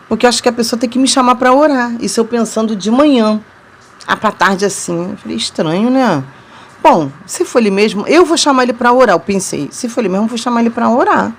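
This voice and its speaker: A woman's voice: on the high side, slight background noise. A woman from Rio de Janeiro in Brazil with a Rio accent, telling her love story to viewers in a casual, chatty way and often laughing between sentences. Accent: Rio de Janeiro Brazilian Portuguese.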